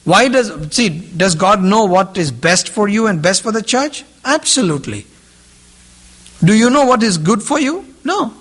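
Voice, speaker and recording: Speaking English as a second language, this man delivers a sermon to a group in a high, fairly bright voice that is animated yet unhurried. He returns to key phrases again and again and asks his listeners questions.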